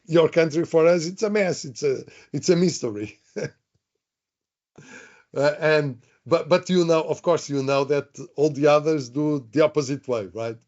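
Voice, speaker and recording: A man's voice: a little high, unhurried, darkish tone. A man teaching a live online workshop, chatty, repeating himself and asking the audience questions. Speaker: webinar trainer. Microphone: video call. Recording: dull lo-fi online call audio.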